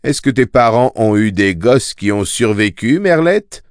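A man's voice: lowish voice, lively intonation, a little slow, dry recording, clean studio sound. A man voicing a crude, sneering male jester who mocks and insults, in an audiobook reading. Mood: scornful. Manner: mocking, insulting.

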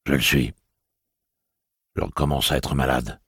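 A man's voice: steady tone, measured pace, fairly bright tone, slightly rough, no echo, studio quality, exaggerated voice. A man voicing a sick, exhausted gunslinger in an audiobook, with short, tired replies. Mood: weary. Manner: terse, low, tired. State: ill, exhausted. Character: feverish, worn-out gunslinger man, terse. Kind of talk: audiobook character voice.

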